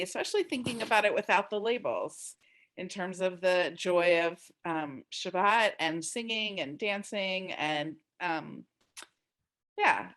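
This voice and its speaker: A woman from Texas speaking as a panelist, halting and filling her pauses. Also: fairly low pitch, a bit bright. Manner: hesitant, many pauses and fillers. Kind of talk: casual panel discussion.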